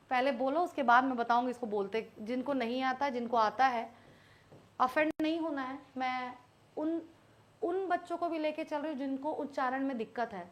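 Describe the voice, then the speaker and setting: A high-pitched woman with a fairly bright tone teaches English grammar during a live online session. She uses Hindi blended with English and patiently repeats words at a slow pace so students remember them.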